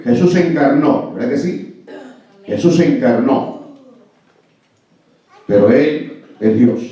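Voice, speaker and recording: A man's voice: mid-range voice, dark tone. A man from El Salvador, preaching a sermon as a pastor, emphatic and often asking "amén" and "¿verdad?". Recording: very echoey, distant, muffled church recording.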